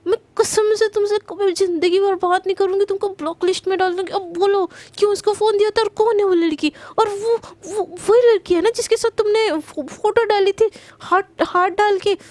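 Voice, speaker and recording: A woman putting on a shrill, jealous young lover. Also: steady tone, a little mellow, no echo. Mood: jealous angry. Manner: shrill, rapid scolding and flustered stammering. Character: jealous, hot-tempered young woman in love.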